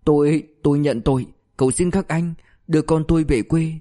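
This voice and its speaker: A man's voice: a little high, steady tone, brisk, mellow, voice pushed up, close to an everyday voice. A man voicing a broken middle-aged male fugitive who stammers and pleads through tears. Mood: begging.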